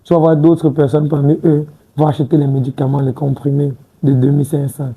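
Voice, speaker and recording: This twenties-aged man is being interviewed in a TV studio, speaking in a relaxed, hesitant way with restarted words and frequent "tu vois un peu". The voice sits on the high side with little pitch movement, fairly quick, warm and slightly rough, though the audio is poor.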